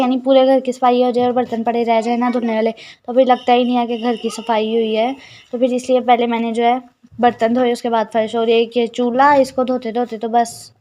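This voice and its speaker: A woman's voice: on the high side, darkish tone. A teenage girl narrating a casual home vlog, chatty and complaining about her sisters. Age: teens. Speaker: vlogger.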